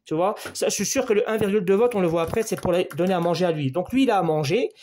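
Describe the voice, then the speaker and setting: A man's voice: sits high, rapid-fire, a little mellow. A French-speaking man giving a hands-on electronics repair lesson, explaining each measurement step by step and talking straight to the viewer, often repeating his key points.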